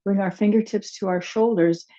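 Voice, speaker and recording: A woman teaching a chair yoga and meditation class, giving gentle, unhurried cues with soft asides. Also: medium pitch, fairly even intonation, dull audio. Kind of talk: guided yoga class instruction.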